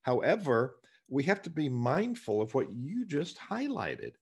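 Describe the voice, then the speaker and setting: A man speaks in a husky, slightly rough voice in earnest discussion. He explains his points with emphasis, often doubling up words as he gets a phrase going. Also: medium pitch, huge pitch swings, unhurried, darkish tone. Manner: repeats words as he starts phrases.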